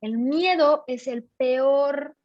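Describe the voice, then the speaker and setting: A woman with a high voice gives a chatty, informal Bible teaching and keeps checking that her listeners follow. The recording sounds dull and dry. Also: drawn-out words, dry recording.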